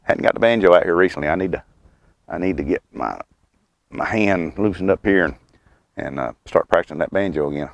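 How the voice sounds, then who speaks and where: A man in his mid fifties with a Southern US accent, chatting in a folksy, unhurried, wryly humorous way around a pipe as he hosts a rambling outdoor vlog. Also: deep voice, gravelly. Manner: talks while puffing on a pipe. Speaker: host of a homestead and birdwatching channel. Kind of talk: rambling casual vlog chat.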